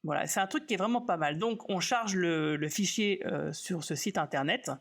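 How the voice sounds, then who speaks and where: A man teaching software in a casual live stream, relaxed and self-mocking, thinking aloud with many fillers and restarts. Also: high-pitched, moderate pace, vocal fry.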